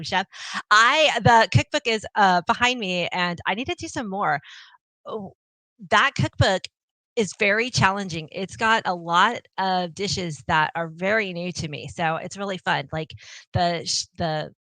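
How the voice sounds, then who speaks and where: A woman's voice: medium pitch, bright, forceful tone, no echo, rough recording. Bubbly Texan woman hosting a live chat. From Texas, USA. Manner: bubbly, chatty, laughs often. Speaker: cooking channel host. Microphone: small clip-on mic.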